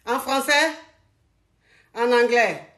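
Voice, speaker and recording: Woman, out of breath, a bit high-pitched, hosting a chatty, scattered live stream in an echoey room. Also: slow, fairly bright tone. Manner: chatty, scattered, talks to viewers as family. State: out of breath, sweating. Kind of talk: casual live stream chat.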